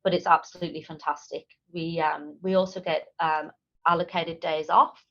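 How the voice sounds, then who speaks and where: A woman in her thirties talks as a guest in a casual interview. Her voice sits a little low, and she is enthusiastic, with plenty of ums. The sound is dull and lo-fi. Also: level tone, moderate pace, a bit bright. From Ireland. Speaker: nurse guest.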